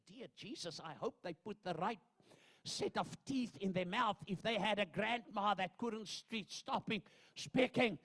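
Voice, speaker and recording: An older man from Zambia preaching a sermon, swinging from hushed asides to loud shouted proclamations. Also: sits high, gravelly, slightly rough. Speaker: pastor.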